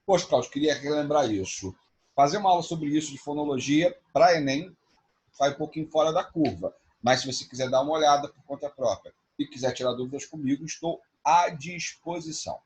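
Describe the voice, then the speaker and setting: A man teaching an online class, spelling out examples slowly. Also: a little high, a little mellow, slightly rough.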